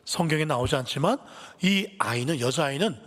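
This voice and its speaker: A man's voice: fairly high pitch, brisk. A male pastor telling a story in a sermon for all ages, asking the congregation questions and getting them to answer. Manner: animated storytelling with call-and-response to the congregation. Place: church sanctuary. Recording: echoey church hall.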